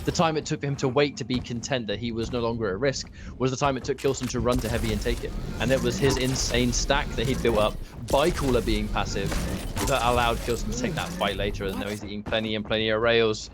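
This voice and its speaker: A man's voice: medium pitch, quick pace, music in the background. A man giving live esports commentary as a caster, explaining the play in an analytical way.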